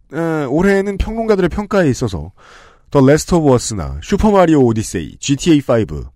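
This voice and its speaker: On a casual podcast with scripted bits, a man with a higher-leaning voice reads out game lists, tossing in jokes and laughing. The studio recording has no echo.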